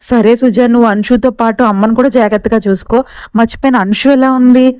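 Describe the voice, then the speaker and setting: A woman's voice: on the high side, steady tone, a little fast, a little mellow, clean tone, no echo, natural voice. Woman reading an earnest young heroine. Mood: caring.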